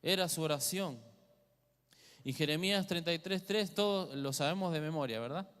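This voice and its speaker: A man's voice: a little high, moderate pace, a bit bright, smooth. A man with an Argentine Spanish accent preaching a teaching sermon in church, asking the congregation questions as he goes. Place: church hall. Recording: long hall reverb.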